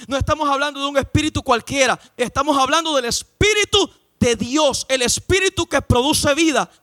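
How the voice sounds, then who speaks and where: A man preaching a sermon as pastor at a church service, impassioned, often shouting and sing-song. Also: very high-pitched.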